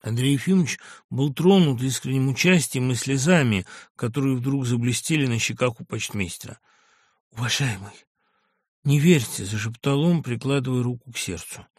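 A man narrating a literary audiobook in an expressive, theatrical manner. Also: medium pitch, brisk, no echo, studio quality.

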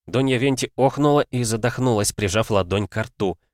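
A man reading a fantasy audiobook in an expressive, measured storytelling way. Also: mid-range voice, no room sound, studio quality. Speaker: audiobook narrator. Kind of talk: dramatic audiobook narration.

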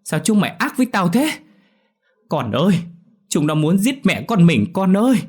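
A man voicing a spiteful, sharp-tongued young mistress who scolds and shrieks at her servants in a ghost story. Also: fairly high pitch, big pitch swings, fairly quick, husky, pitched above the performer's own voice. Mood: wailing.

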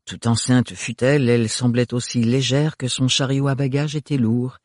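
A man narrating an audiobook in an expressive, animated storytelling way. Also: mid-range voice, moderate pace, no room sound, clean studio sound. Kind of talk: scripted narration.

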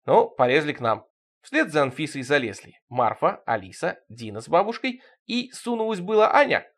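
Male storyteller, theatrical and bouncy, slightly high with a wide swing in pitch. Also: sing-song, moderate pace, a bit bright. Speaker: narrator. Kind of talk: expressive reading of a surreal story.

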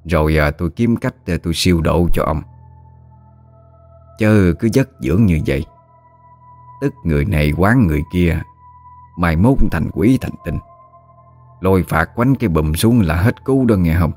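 A man voicing a calm, commanding older female exorcist with a Southern Vietnamese accent. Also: deep voice, normal speed, pauses often, soft background music. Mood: firm. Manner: firm, matter-of-fact.

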